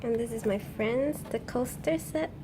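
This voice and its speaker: A young woman chatting casually through an unboxing, often gushing with fan excitement. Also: on the high side, a little slow, background noise. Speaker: unboxing vlogger.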